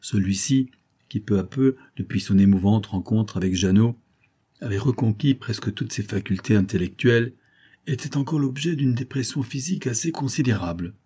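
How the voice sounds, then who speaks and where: A man reads an old adventure novel aloud in a measured, dramatic way. His voice is low and mellow. It has a husky grain. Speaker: audiobook narrator. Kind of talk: scripted narration.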